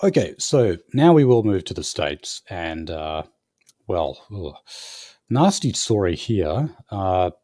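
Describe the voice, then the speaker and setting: A man's voice: sits low, big pitch swings, slow pace, mellow, no echo, studio quality. A man co-hosting a podcast, reading out news stories in a hesitant way with many fillers. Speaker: podcast co-host. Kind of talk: casual news discussion.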